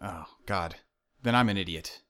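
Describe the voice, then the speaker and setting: A man's voice: low voice, normal speed, pushed and bright. A man interviewing a competitive player in casual chat, joking and self-deprecating.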